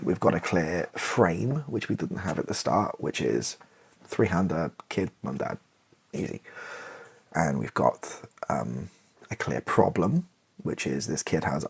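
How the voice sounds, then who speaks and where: Against a backdrop of clicking and typing on a keyboard, a man from Britain muses aloud ASMR-style as he writes. His low voice is gravelly and slightly rough. His musings come across as hesitant, dry and self-deprecating.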